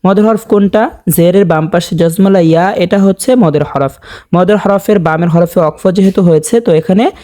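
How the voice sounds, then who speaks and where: A man's voice: high-pitched, normal speed, mellow. A man teaching Quran recitation step by step, patiently repeating each word and drawing out the recited vowels as he explains the rules to his viewers. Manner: addresses viewers directly as dear viewers. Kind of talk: step-by-step tajweed lesson.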